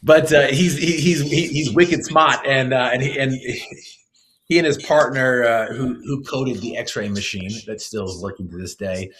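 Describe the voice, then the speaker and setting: A man's voice: mid-range voice, a little slow, slight background noise, low-quality recording. A man speaking earnestly as a motivational speaker in an interview, with many fillers and restarts. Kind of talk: casual interview talk.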